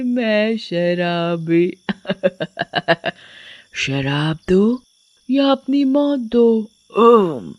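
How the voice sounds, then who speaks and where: A woman's voice: mid-range voice, darkish tone, no room sound, heavily acted. A woman doing a cackling drunken witch. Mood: menacing chant. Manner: drawn-out chanting, cackles, shrieks in pain.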